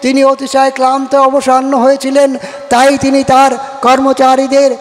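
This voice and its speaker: A man's voice: very high voice, completely flat delivery, normal speed. A man giving a devotional religious discourse, quoting verses and chanting a mantra as he preaches. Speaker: religious speaker. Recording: long hall reverb.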